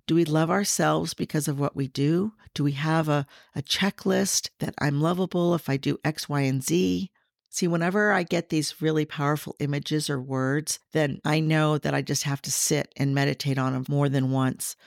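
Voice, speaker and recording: A middle-aged woman hosting a faith podcast, sharing personal reflections in an earnest, gently teaching way. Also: low-pitched, fairly even intonation, normal speed, gravelly, no echo, studio quality. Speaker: podcast host.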